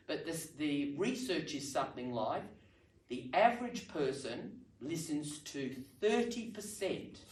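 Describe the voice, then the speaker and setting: An Australian woman training language teachers, talking in an animated, demonstrative way with strong stress on words. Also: sits low. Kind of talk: training session talk. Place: library meeting room. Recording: roomy sound from some distance.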